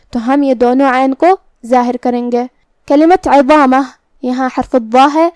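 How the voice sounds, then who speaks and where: A woman teaching Quran recitation rules, explaining pronunciation slowly and carefully. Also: sits high, darkish tone, no room sound. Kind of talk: tajweed lesson, explaining then reciting.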